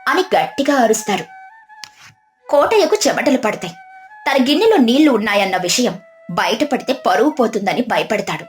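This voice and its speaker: A woman narrating a moral folk tale in a clear, expressive storytelling manner. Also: fairly high pitch, normal speed, faint music behind.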